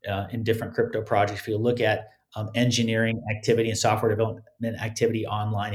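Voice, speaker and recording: A man giving considered interview answers as a guest, often halting and repeating words as he starts phrases. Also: medium pitch. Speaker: podcast guest, crypto legal expert.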